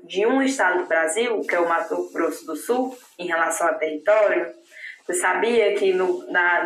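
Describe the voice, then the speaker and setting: Interviewee: chatty woman from northern Brazil, low-pitched, echoey room. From Tocantins, northern Brazil. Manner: chatty, many "né?" tags. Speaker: interviewee living in Germany. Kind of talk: casual interview chat.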